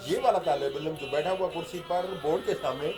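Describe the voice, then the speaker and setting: Music runs beneath this Arabic grammar lesson, in which a man works line by line through a text, reading every phrase out loud before explaining it and saying it again. His voice sits a little high.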